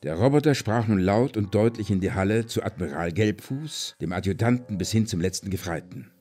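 A man's voice: lowish voice, a little mellow. A man narrating an audiobook in a dramatic storytelling manner with varied emphasis. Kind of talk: scripted narration.

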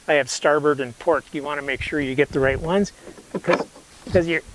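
Out on a lawn, a canoe builder in his sixties shows off his rig in a casual, rambling how-to demonstration, correcting himself as he goes. His voice is fairly high and fairly quick. A camera mic, sometimes placed far from him, picks him up against a noisy background.

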